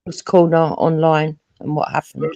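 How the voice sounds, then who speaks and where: A man from London joining a live panel debate over an online call, his voice breaking up on a weak internet connection as he speaks haltingly with many ums. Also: on the high side, flat delivery, vocal fry, mellow, muffled recording.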